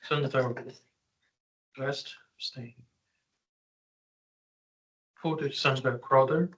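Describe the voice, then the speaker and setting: A man's voice: medium pitch, steady tone, takes it slowly, a bit bright, poor audio. A man reading out a roll call of names and vote tallies at a meeting, in a routine manner.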